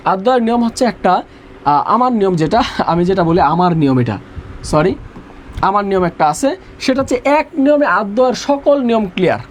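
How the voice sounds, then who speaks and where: A man's voice: sits high, slight background noise. A young man teaching an online revision class, repeating rules and quizzing his students.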